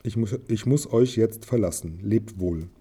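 A man's voice: fairly low pitch, measured pace, mellow, husky, full character voice. A man reading the part of a dying male dwarf king who speaks solemnly and with regret.

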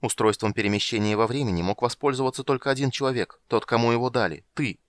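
A man voicing a proud, bitter young woman priestess in an audiobook, lifting his voice higher and speaking firmly. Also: fast talker, no room sound, natural voice. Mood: bitter, challenging. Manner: raised pitch, firm and reproachful.

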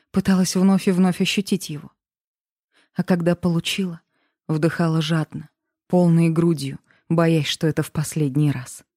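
A woman's voice: sits low, dark tone, no room sound, clean studio sound. A woman narrating a first-person romance audiobook with an emotional, dramatic reading.

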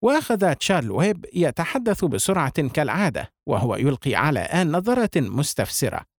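A man reading a novel aloud as a narrator, with expressive delivery. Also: on the high side, fairly quick, dry recording, clean studio sound. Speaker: audiobook reader.

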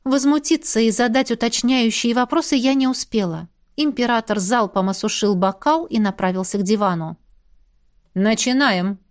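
A woman narrating a first-person fantasy audiobook with a lively, expressive reading. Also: a little high.

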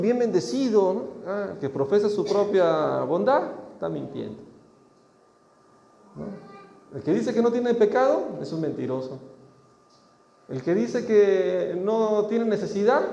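Male preacher, higher-pitched, raspy low tones, acts out dialogues, in a church hall with long reverb. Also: warm tone. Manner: preaching with rising emphasis, acting out dialogues. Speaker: pastor. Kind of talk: sermon. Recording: echoey hall, dull sound, faint noise.

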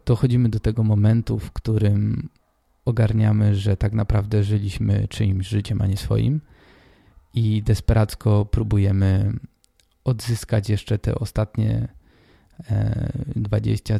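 Male podcast host, twenties; hoarse with a blocked, stuffy nose, very dark and mellow tone, informal solo monologue. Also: fairly low pitch, no room sound, studio quality. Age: 20s. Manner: informal, addressing the listener directly.

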